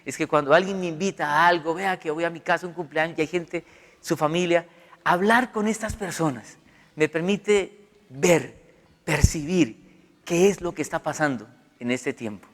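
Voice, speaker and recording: Middle-aged male pastor, conversational sermon, slightly high voice, long hall reverb. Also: normal speed. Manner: conversational, animated storytelling with acted quotes.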